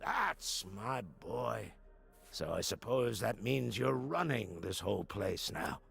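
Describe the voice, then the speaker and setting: A man's voice: on the low side, sing-song, slow pace, creaky, a bit bright, breathy edge, soft background music, full character voice. A man voicing a proud, bombastic father with a dramatic, effusive manner in a video game.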